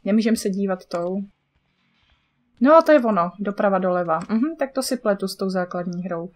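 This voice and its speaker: A woman's voice: mid-range voice, lively intonation, a little mellow. Chatty Czech woman gamer. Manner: chatty, swears at the game, mutters to herself. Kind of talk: casual let's-play commentary.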